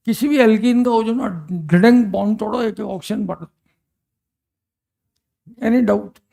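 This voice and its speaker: An older chemistry teacher talks his class through problems. His voice sits high and has a gravelly edge. He chats, fires questions at the students and drifts into old stories. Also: slow pace, mellow. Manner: chatty, quizzes students and reminisces. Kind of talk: classroom lecture.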